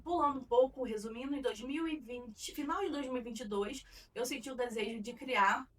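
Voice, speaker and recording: A woman's voice: a little high, fairly bright tone, far from the mic. A woman with a Carioca accent, guesting on an interview podcast and telling her story earnestly, with a few fillers. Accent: Carioca Brazilian Portuguese. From Rio de Janeiro, Brazil. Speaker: guest, marketing consultant.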